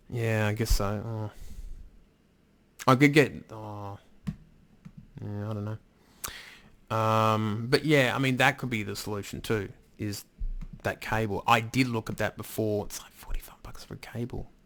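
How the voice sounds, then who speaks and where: A man's voice: lowish voice, creaky, fairly bright tone. A man hosting a live stream, rambling casually and swearing now and then as he answers his chat. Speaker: livestream host reading chat.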